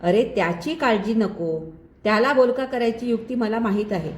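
Loud joking male friend, as a woman reads him. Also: on the high side, moderate pace, natural voice. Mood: teasing. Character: boisterous teasing adult male friend. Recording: roomy echo.

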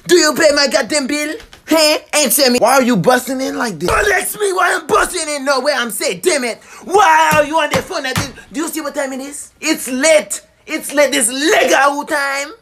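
A woman's voice: sits high, normal speed, few pauses, faint music behind, pitched above the performer's own voice. A teen girl doing a furious scolding parent. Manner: yelling, scolding, cursing. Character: furious strict parent scolding late at night.

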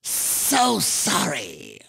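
A man voicing a sly, gloating cartoon komodo dragon in a kart racing video game, gravelly, theatrical and taunting. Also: fairly high pitch, wildly swooping pitch, drawn-out words, pushed and bright, full character voice, low-quality recording. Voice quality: gravelly, creaky. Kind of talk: exaggerated video game character barks.

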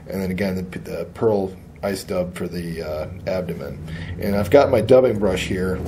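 A man demonstrating fly tying at a shop bench. He talks in a relaxed, plain-spoken way and often says uh. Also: lowish voice, a little hiss or hum.

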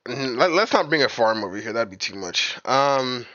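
A young man rambles casually with friends during a game stream, packing his talk with filler and saying "bro" and "like" constantly. His medium-pitched voice is expressive, pushed and bright, at a moderate pace. The audio is dull, with no room sound.

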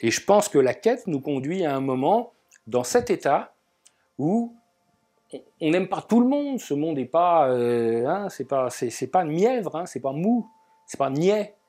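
A man giving a spoken talk about inner life, musing and telling anecdotes, with pauses and filler words. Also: a little high, big pitch swings, dark tone. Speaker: alchemy speaker. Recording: faint guitar music behind.

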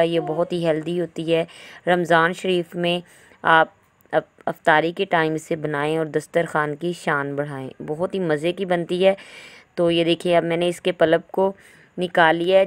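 A cooking channel host narrates a home cooking tutorial as a voice-over, chatty and walking through each step, often adding "theek hai." Her voice is fairly low, smooth and level, at a moderate pace.

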